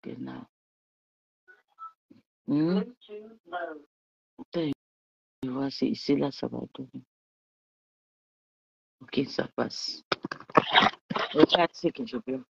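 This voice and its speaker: A woman's voice: very deep voice, very slow, creaky, pauses often, slightly rough, dry recording, muffled recording. A woman on a casual live stream from her bedroom, sipping wine as she boasts, taunts rivals and keeps asking her viewers if they understood. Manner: rambling with repeated questions to viewers. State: drinking wine while talking.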